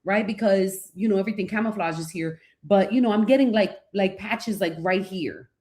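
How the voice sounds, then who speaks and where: A woman's voice: mid-range voice, moderate pace, darkish tone. A woman co-hosting a podcast, chatting casually with lots of fillers and enthusiasm. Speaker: podcast co-host. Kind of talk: casual chat.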